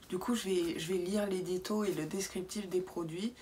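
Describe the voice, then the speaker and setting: A woman vlogging an unboxing to camera, chatty and casual, sometimes dropping into soft asides, in a brightly lit indoor room. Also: fairly low pitch, steady tone, measured pace, a little hiss or hum. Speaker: beauty box unboxing vlogger.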